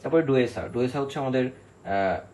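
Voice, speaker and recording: A man's voice: mid-range voice, fairly quick, darkish tone, low-quality recording. A male literature teacher giving an exam-prep lecture, explaining step by step, counting syllables aloud and often checking in with his students.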